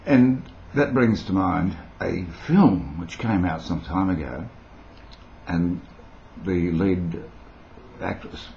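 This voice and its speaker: A man's voice: low voice, slow pace, vocal fry, slight background noise. A man in his sixties with a mild Australian accent, a former radio broadcaster, chatting eccentrically and playfully in a casual vlog. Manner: playful, eccentric, rambling with frequent chuckles. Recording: dull lo-fi home recording.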